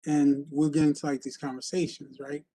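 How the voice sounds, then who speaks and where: A man's voice: a little high, flat delivery, a little fast, dark tone. A man hosting an interview in a casual, chatty way, full of fillers and repeated starts. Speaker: host.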